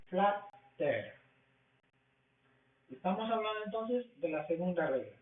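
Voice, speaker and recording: A man teaching a language class, explaining rules slowly and asking questions that he answers himself. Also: sits high, very animated. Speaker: English teacher. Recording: tinny, echoey, from far off the mic.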